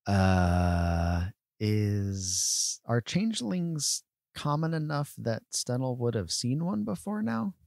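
A man's voice: mid-range voice, big pitch swings, takes it slowly, creaky, a little mellow, no room sound, studio quality. A man playing his character in a tabletop game, jovial and easygoing. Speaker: player.

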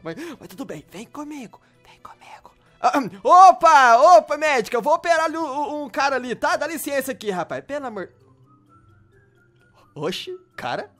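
Male gaming YouTuber, lively pitch, mischievous, joking. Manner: joking, mischievous, playing a doctor. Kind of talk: playful gaming commentary with role-play.

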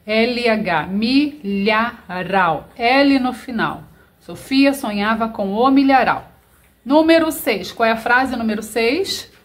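A woman's voice: a little high, takes it slowly. A woman teacher, dictating sentences word by word and spelling out letters. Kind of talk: slow dictation lesson.

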